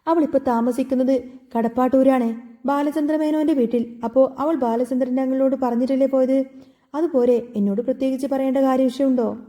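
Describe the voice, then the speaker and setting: A blunt, irritated young man pushing back at his aunt, read by a woman narrator. The voice is high and soft-toned, and he stays curt and defiant. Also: fairly even intonation, a little fast, close to an everyday voice.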